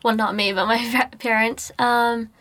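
A late-teen student, born in Nepal and from New Zealand, appears as a podcast guest in a casual interview, sprinkling "like" throughout. Her fairly high voice is steady in tone, a little slow, and a bit bright, on a dry recording.

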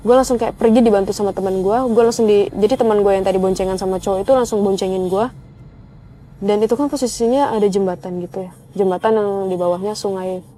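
A woman's voice: medium pitch, steady tone, fast, dark tone, slight background noise. A young woman telling a spooky personal story in a casual, chatty way, speaking straight to her viewers. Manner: chatty, conversational, addresses viewers directly. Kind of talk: casual spoken horror story.

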